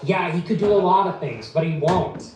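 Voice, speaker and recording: A man's voice: high voice, normal speed, darkish tone. A man hosting a livestream, talking in a blunt, sarcastic, rambling monologue. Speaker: livestream host. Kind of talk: casual ranting monologue. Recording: echoey, distant, noisy room.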